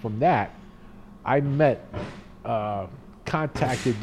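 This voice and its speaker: A man, a barber, talking earnestly in casual chat at a barbershop, with halting restarts. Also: mid-range voice, darkish tone, slight background noise.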